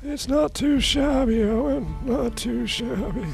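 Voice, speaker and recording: A man putting on a high, creaky old geezer voice. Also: takes it slowly, faint music behind, exaggerated voice, rough recording. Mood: doddering banter. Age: elderly. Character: quavering grumbling elderly old man. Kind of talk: joking improvised character voice.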